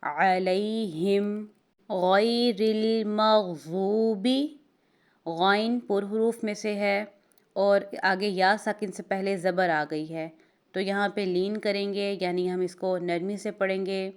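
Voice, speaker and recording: A woman teaching Tajweed, spelling out letters and vowel marks one by one and chanting verses slowly. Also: mid-range voice, flat delivery, clean tone. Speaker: Quran recitation teacher. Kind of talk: Tajweed lesson with slow recitation.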